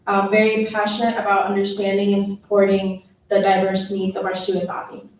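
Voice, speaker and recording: A woman's voice: mid-range voice, monotone, a little fast. A woman in her twenties from Puerto Rico, giving an earnest prepared speech as a student government officer. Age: 20s. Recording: echoey hall, far mic.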